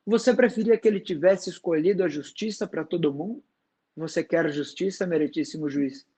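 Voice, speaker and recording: A wise, serene woman, read by a man with a high voice in a dramatized book reading. She speaks softly and slowly but never gives ground. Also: slightly rough. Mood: gentle, firm. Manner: soft, slow and firm. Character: calm wise woman, gentle and insistent.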